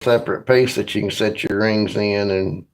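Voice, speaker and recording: Fairly low and fairly even, the man's voice moves at a moderate pace as he hosts a woodworking livestream. He's from Northeast Tennessee, with a thick Appalachian accent and casual, folksy rural grammar, recorded in a roomy, echoey space.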